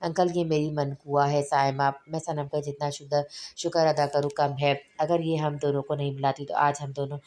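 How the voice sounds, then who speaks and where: A woman's voice: sits low, level tone, normal speed, a little mellow, lightly acted. A woman reading aloud voicing a polite, grateful young man in a novel. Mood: earnest.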